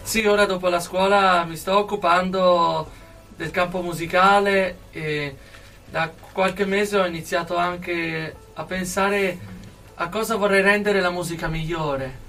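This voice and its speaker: A young adult man giving earnest, halting interview answers as a guest in a radio studio. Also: high-pitched, fairly even intonation, bright, forceful tone, far from the mic, slight background noise. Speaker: interview guest, aspiring musician.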